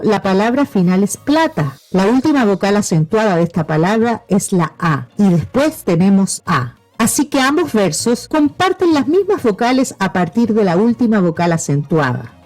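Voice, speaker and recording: A woman's voice: mid-range voice, animated, normal speed, few pauses, darkish tone, faint music behind. A woman teacher giving a scripted lesson narration, explaining patiently step by step.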